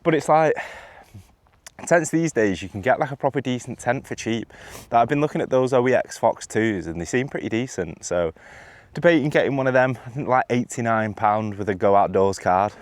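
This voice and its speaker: A young man rambles to the camera as he hikes a trail outdoors, chatty and self-mocking, his sentences trailing off into fillers. His voice sits at an ordinary middle pitch, and the sound is close and dry. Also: expressive, brisk, no room sound. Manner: casual, chatty, self-deprecating, lots of fillers. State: out of breath. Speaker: vlogger. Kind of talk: rambling hiking vlog.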